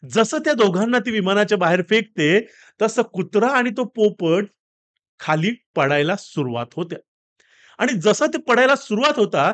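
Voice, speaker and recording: A man telling a story and then giving a motivational talk, animated and addressing viewers as friends. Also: high voice. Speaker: motivational speaker.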